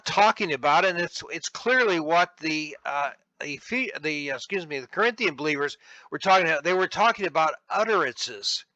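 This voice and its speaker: Male Bible teacher, bright and slightly high, slow and deliberate, dry close-mic voice-over. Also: dry recording, rough recording. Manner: deliberate, with frequent restarts and fillers. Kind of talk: explaining a sentence diagram over slides.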